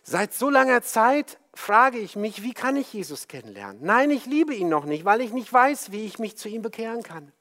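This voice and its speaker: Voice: medium pitch, sing-song, moderate pace, few pauses, pitched above the performer's own voice. Ein ernster Geschäftsmann in einer Predigtgeschichte, vom Prediger gesprochen. Er redet ruhig, nachdenklich und gedämpft. Die Stimme bewegt sich dennoch weit auf und ab. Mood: grave. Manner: quiet, grave. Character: serious businessman longing for faith.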